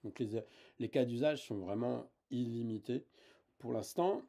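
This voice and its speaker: A man's voice: medium pitch, a little slow, gravelly, dark tone. A man hosting a casual tech tutorial, talking hesitantly with many fillers and restarts.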